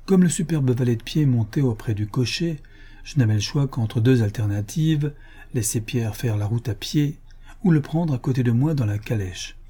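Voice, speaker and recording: Man, audiobook narration, husky voice, dark mellow tone, measured delivery. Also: medium pitch. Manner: measured, expressive reading.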